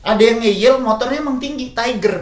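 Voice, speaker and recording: A young man telling stories in an animated way, laughing and swearing often in casual chat. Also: very high voice, fairly quick. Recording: roomy echo.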